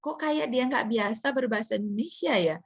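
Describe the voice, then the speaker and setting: A woman's voice: on the high side, moderate pace, slightly rough, no room sound, clean studio sound. A woman giving a casual lecture, chatty, asking rhetorical questions and acting out short examples.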